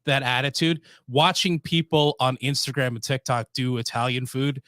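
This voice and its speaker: A man's voice: mid-range voice, fairly even intonation, fairly bright tone, dry recording. Easygoing man on a dry podcast mic. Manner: easygoing, halting with fillers and restarts. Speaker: podcast co-host. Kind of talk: casual chat.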